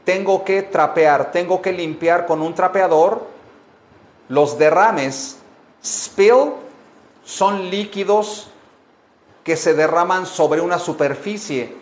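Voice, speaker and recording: Slow, patient male English teacher. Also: high-pitched. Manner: repeats phrases slowly, explains in Spanish. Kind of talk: bilingual language lesson. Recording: echoey room.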